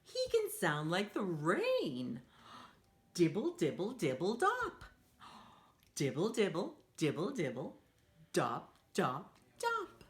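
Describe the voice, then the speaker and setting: A woman with a fairly low, slow voice hosts storytime for little kids, reading aloud playfully. She encourages them, invites them to participate, and brings sound effects to life with animated energy.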